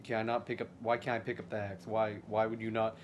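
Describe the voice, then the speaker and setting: A man doing gameplay commentary, excitable and jokey, talking back at the game. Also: fairly low pitch, fast talker, muffled recording, slight background noise. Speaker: let's play host.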